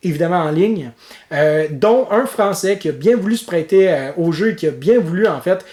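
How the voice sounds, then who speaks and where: A man's voice: sits high, expressive, moderate pace, a little mellow. A man with a Quebec French accent, talking casually about board games in a vlog, stumbling through fillers and restarts. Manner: hesitant, many fillers and restarts. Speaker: board game vlogger. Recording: roomy echo.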